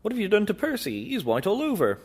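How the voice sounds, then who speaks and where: A brisk railway signalman with a raised, chatty voice who teases a little as he talks, as a male reader puts him on. He is part of a storybook telling. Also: high voice, huge pitch swings, darkish tone, husky, pitched above the performer's own voice, heavily acted. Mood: amused.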